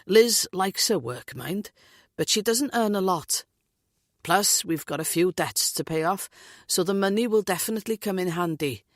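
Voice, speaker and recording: A woman's voice: lowish voice, expressive, normal speed, no echo, close to an everyday voice. A woman voicing a blunt, jokey middle-aged Welsh man who grumbles, in a dry close recording. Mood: grumbling.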